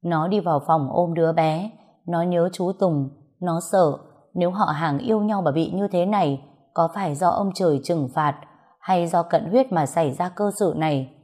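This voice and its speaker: A woman's voice: lowish voice, moderate pace, mellow. A woman reading a story aloud as scripted narration, voicing all the dialogue in her own voice.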